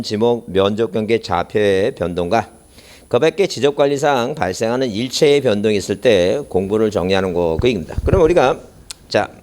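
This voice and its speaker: A man's voice: mid-range voice, a little mellow. A man giving an exam-prep lecture in an academy classroom, his voice muffled by a face mask, rambling in asides and then quizzing the class with rhetorical questions. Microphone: speaker mic worn behind a face mask.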